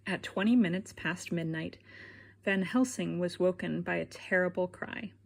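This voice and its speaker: A woman reading a simplified novel aloud for English learners, slow and careful, with a husky voice. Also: lowish voice. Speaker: audiobook reader. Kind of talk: scripted narration for learners.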